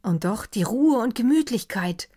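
A woman reading an audiobook, voicing an excitable, effusive middle-aged male doctor. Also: a little high, normal speed, pitched above the performer's own voice. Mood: rapturous. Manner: effusive, exclamatory.

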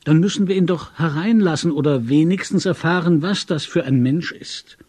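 A man's voice: fairly high pitch, normal speed, dry recording, voice pushed up, close to an everyday voice. A man reading a story aloud and voicing an uneasy adult man who calls out in alarm at a knocking at night. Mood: worried. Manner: anxious, calling out loudly.

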